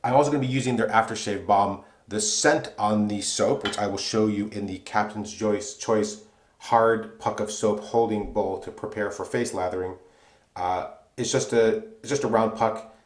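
A man from North Carolina reviewing shaving products in a relaxed, chatty way, with frequent fillers and asides. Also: lowish voice, moderate pace. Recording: echoey room.

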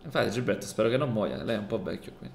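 A young man with a gravelly, creaky voice, roleplaying a mayor in a casual, joking way. His voice sounds roomy and echoey, with a faint hiss underneath. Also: fairly low pitch, very fast. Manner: animated, joking, excitable. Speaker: streamer playing a mayor in a roleplay server. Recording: echoey room, faint background noise.

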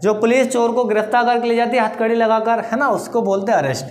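Echoey teacher drilling a grammar lesson. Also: medium pitch. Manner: asks rhetorical questions and answers them, repeating each answer slowly. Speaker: English teacher. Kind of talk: classroom-style grammar lesson. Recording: roomy echo with faint background noise.

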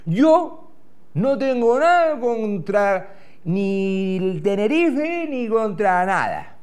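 His high-pitched voice is clear and resonant with a darkish tone, very animated, and he draws out his words. This middle-aged TV host from Gran Canaria speaks with a Canarian Spanish accent, delivering a rambling, sweary comic story in character and mimicking the other people's voices. It's recorded on a lapel mic in a TV studio in front of a backdrop.

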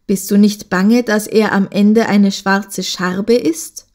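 A woman's voice: mid-range voice, fairly even intonation, takes it slowly, a little mellow, close to an everyday voice. Audiobook goose sister, jealous and scheming, sly insinuating tone, read by a woman.

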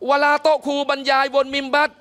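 A man voicing an indignant male congregant who grumbles at the imam in a loud, blunt way. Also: very high-pitched, level tone, fast talker, pitched above the performer's own voice. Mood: aggrieved. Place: mosque hall. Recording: long hall reverb.

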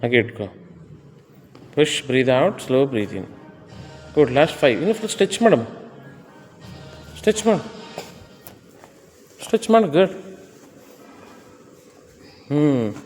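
A man with a mid-range, darkish voice coaches a woman through exercise, speaking slowly with long pauses yet lively intonation. He gives firm, repeated gym commands alongside explanation. The space sounds roomy and echoey, with music in the background.

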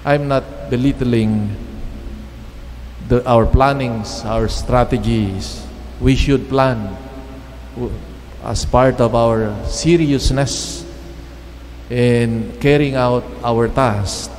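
A middle-aged man preaching a homily at Mass, speaking in measured, halting phrases with pauses, into a lectern microphone. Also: mid-range voice, steady tone, a little mellow, slight background noise. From Philippines. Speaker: priest. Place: church chapel. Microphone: standing mic at lectern. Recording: long church reverb, faint ambience.

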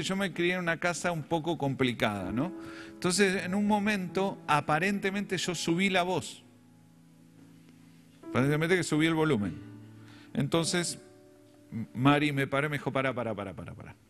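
A man's voice: fairly high pitch, normal speed, pauses often, fairly bright tone, faint music behind. A middle-aged man with a Rioplatense Spanish accent, preaching a sermon as a pastor and telling stories with self-deprecating humor.

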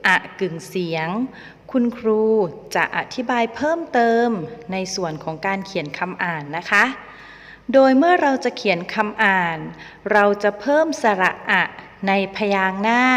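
Female teacher, deliberate explanations, reverberant room. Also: mid-range voice, fairly bright tone. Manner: clear, deliberate explaining, reading example words aloud. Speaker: primary school teacher. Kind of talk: children's reading lesson.

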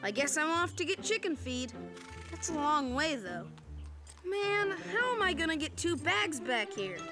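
A woman plays an easygoing cartoon boy. The voice is very high and swings up and down, casual and a little grumbly, with loud music behind. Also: sing-song, measured pace. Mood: grumbling. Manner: casual, laid-back, slightly grumbling. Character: easygoing teenage boy at a horse stable. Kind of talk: animated series voice acting.

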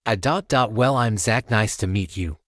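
A woman voicing a teenage boy gamer through a deep pitch-shifting effect, hesitant and friendly. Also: moderate pace, no echo, studio quality.

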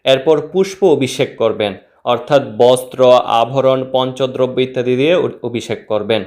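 A man explaining a home worship ritual step by step, reciting Sanskrit mantras in a measured, steady way. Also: medium pitch. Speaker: religious instructor.

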